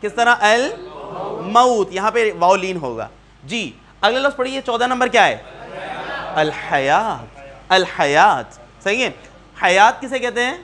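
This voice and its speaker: A man with a high, bright voice leads a classroom lesson. He goes through a word list one item at a time, has students read each word aloud again, and gently corrects how they say it. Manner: patient, asks students to repeat words and corrects pronunciation. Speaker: Quran teacher. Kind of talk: classroom teaching, word drills. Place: neighbourhood class room.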